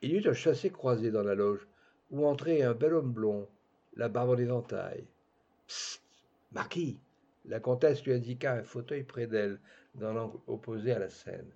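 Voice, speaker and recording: A man reading a classic literary story aloud, in a measured, literary narration. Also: mid-range voice, warm tone. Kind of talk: scripted narration. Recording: dull lo-fi recording.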